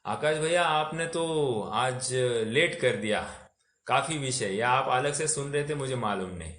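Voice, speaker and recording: Slow-talking teacher in an echoey room. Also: male voice, a little high, fairly bright tone. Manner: slow and explanatory, asks listeners questions; mixes English words into his speech. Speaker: religious teacher. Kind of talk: scripture class.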